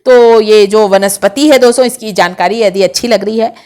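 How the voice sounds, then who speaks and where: A woman's voice: medium pitch, normal speed, mellow. Chatty Hindi-speaking woman explaining home remedies. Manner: chatty, addresses viewers as friends. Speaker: cooking channel host.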